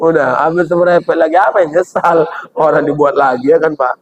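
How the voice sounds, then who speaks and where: A man's voice: fairly high pitch, steady tone, normal speed. A man preaching a humorous sermon with a Medan Indonesian accent, joking and acting out quoted voices. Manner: jokey, playful, acts out quoted voices. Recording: dull lo-fi recording.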